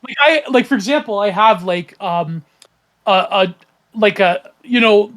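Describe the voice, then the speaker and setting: A man's voice: high voice, animated, measured pace, fairly bright tone. A man from Canada, hosting a casual podcast chat, rambling with many fillers and restarts. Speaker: podcast host.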